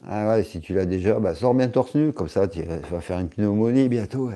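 A male streamer talks loosely to his viewers, filling gaps with hesitations and teasing jokes. His voice sits low and sounds deeply warm and dark. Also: moderate pace. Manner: rambling, joking, many hesitations. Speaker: live streamer reading chat. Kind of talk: casual live-stream chat.

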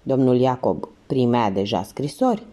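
A woman voicing a calm, stern male police inspector who asks short, probing questions. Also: extremely low pitch, dull audio, pitched below the performer's own voice.

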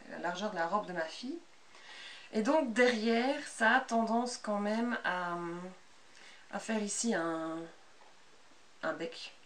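A sewing vlogger in her thirties with a Belgian French accent chats casually and unscripted while showing off her handmade clothes. Her voice is medium-pitched and a bit bright. She's filmed in a small, bright sewing room by a camera a couple of metres away, so the mic is distant and picks up background noise.

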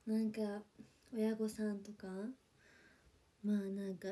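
Soft-spoken young woman gushing on a livestream. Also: mid-range voice, monotone, slow pace, breathy edge. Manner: chatty, gushing, many fillers, drops to whispers. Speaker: idol livestreamer reading viewer comments. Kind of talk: casual livestream chat. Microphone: phone or webcam for a livestream.

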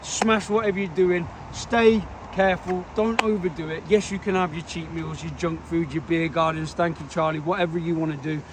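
A man's voice: a little high, steady tone, moderate pace, hardly any pauses. A young man, chilled from cold river water, chatting casually to live-stream viewers and rallying them as a fitness host. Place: outdoors, in and beside a park river. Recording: noisy outdoor recording.

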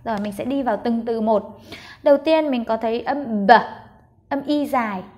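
A woman with a high-pitched voice leads a pronunciation lesson. She works through each word sound by sound, patiently modelling how to say it. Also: a little mellow. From Vietnam. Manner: patient, spells sounds slowly, models words. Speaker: English pronunciation teacher.

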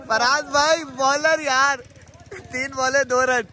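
A man's voice: very high-pitched, fairly even intonation, slow pace. A young man gives eager ball-by-ball commentary on a street cricket match, cheering his teammates on. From Pakistan. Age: young adult. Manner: eager, counting balls and runs, cheering teammates. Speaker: vlogger and team player. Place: outdoor street cricket ground at night. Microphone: handheld phone. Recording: outdoor phone audio with crowd noise.

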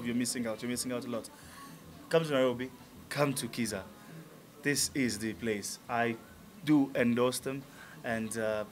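An upbeat male musician from Tanzania, the guest in a casual interview, speaks in an indoor restaurant lounge with a medium-pitched voice. He's enthusiastic and uses many fillers, and the table mic on a stand picks up a little hiss or hum.

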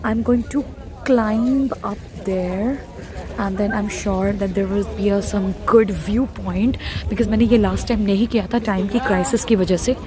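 A young Indian woman with an Indian English accent vlogging in casual, excitable chat as she walks through a snowy city, mixing Hindi and English. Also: medium pitch, extremely slow, a crowd in the background. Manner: chatty, excitable, talks while walking. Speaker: travel vlogger.

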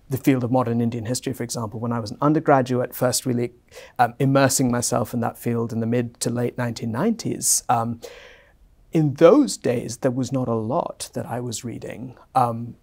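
A middle-aged man from Singapore, a guest historian answering at length in a measured, fluent way in a bright office lounge. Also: mid-range voice, creaky. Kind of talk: academic conversation.

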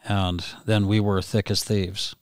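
A middle-aged man hosting a podcast, speaking in a slow, measured way. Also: lowish voice, level tone, smooth, no room sound, clean studio sound. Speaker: podcast host, hypnotist. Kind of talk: gentle interview talk. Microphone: podcast mic.

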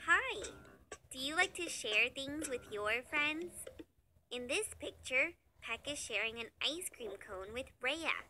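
A woman narrating a children's lesson in a slow, cheery sing-song voice, praising between words, over background music. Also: high voice, expressive, sharp tone, a little hiss or hum. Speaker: children's learning app narrator.

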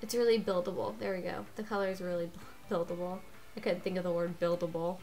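A woman's voice: fairly low pitch, flat delivery, fast, vocal fry, mellow, faint music behind. A congested woman with a cold giving a chatty makeup tutorial, gushing and getting out of breath. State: gets out of breath. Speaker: beauty vlogger.

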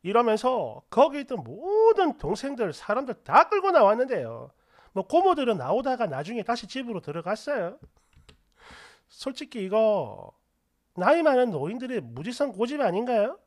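A woman's voice: fairly high pitch, sing-song, moderate pace. A woman narrating a family story in a chatty, indignant way.

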